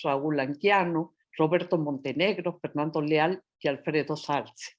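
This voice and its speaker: A woman reading a prepared history lecture aloud, careful and measured, slowing down to sound out Nahuatl place names. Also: lowish voice, a little mellow. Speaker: historian presenting her book.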